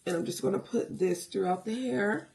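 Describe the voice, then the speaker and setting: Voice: medium pitch, normal speed, gravelly, a little mellow. A beauty vlogger chatting casually through a hair tutorial at home, with sassy, playful, self-hyping slang. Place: indoors at home. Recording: noticeable background noise, clicks.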